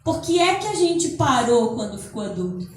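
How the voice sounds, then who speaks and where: A woman gives a motivational talk, acting out inner voices and laughing often. Her voice sits high. She is heard from a distance, in a strongly echoing hall with faint background noise. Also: sing-song, normal speed. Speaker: speaker at a holistic center. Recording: echoey hall from far off.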